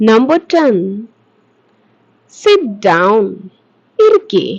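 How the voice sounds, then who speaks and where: A woman with a Malayali accent teaching English, saying short phrases clearly and explaining them. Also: fairly high pitch, sing-song, darkish tone, dull audio. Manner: clear, deliberate drill-style enunciation. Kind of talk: language lesson, slow model phrases with explanations.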